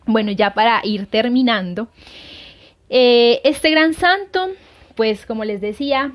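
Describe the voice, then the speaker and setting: A woman's voice: on the high side, slow pace. A woman missionary earnestly telling a saint's life to viewers, hesitating often with fillers. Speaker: lay missionary. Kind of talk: devotional storytelling. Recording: dull lo-fi sound.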